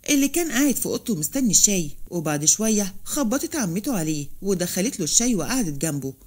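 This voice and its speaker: Fast animated Egyptian woman storyteller. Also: mid-range voice. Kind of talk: scripted story narration.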